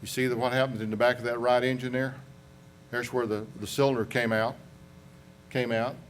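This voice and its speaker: At a slightly fast clip and with a flat delivery, a man from North Carolina gives a conference talk about accident investigation. His mid-range voice carries a Southern US accent, and his folksy, rambling style includes restarts and asides, with a little hiss or hum in the room.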